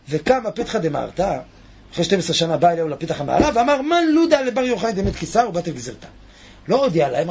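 A man teaching a Talmud lesson, reading Aramaic lines and explaining them with animated rhetorical questions to his class. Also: sits high, gravelly, slightly rough. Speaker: Torah teacher. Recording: dull lo-fi recording.

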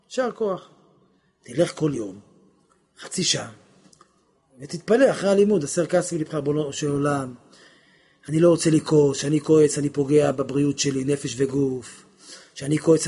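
A man teaching a religious lesson on prayer, impassioned, swinging from hushed asides to shouts and acting out little dialogues. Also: a little high, husky.

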